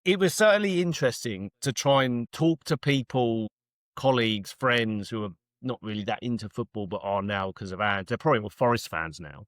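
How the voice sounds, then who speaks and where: A man hosting a fan podcast, talking in long rambling runs full of restarts. His voice sits at a middle pitch and is recorded dry and close. He shares firm opinions in casual chat. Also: moderate pace, fairly bright tone, dry recording. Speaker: podcast host. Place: pub-going fan in Australia.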